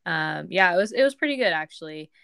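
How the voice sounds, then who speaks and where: A young woman with a lowish, smooth voice rambles through a casual podcast chat, with plenty of ums and likes along the way. The recording is dry and close, with no room sound. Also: animated, quick pace, a bit bright, dry recording. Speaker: podcast co-host.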